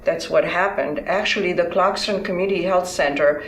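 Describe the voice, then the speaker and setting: A woman in her sixties, born in Tanzania, answering interview questions in a thoughtful, halting way with many fillers. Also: lowish voice, reverberant, low-quality recording. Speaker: interview guest, physician. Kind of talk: conversational interview.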